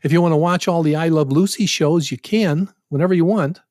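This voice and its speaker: A man's voice: fairly high pitch, a little fast, a little mellow, no room sound, clean studio sound. Folksy man in his seventies. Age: 70s. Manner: folksy, joking, conversational. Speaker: podcast host. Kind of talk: casual podcast introduction with jokes.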